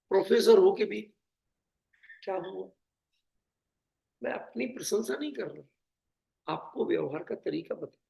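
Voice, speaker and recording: A man's voice: high voice, vocal fry, echoey room. A man, a teacher giving an earnest talk with a story, asking his audience rhetorical questions. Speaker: teacher and speaker. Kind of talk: motivational talk with a told anecdote.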